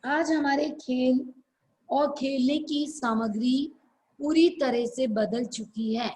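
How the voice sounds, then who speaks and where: A woman teacher dictating answers slowly in an online class over a video call, repeating each phrase for her students. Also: high voice, steady tone, a little mellow, poor audio. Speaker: school teacher.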